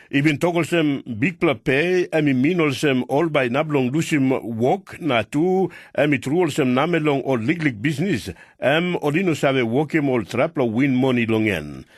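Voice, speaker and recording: A man's voice: on the high side, lively intonation, measured pace, hardly any pauses, no echo, clean studio sound. A man with a Papua New Guinean accent reads scripted radio news in pidgin.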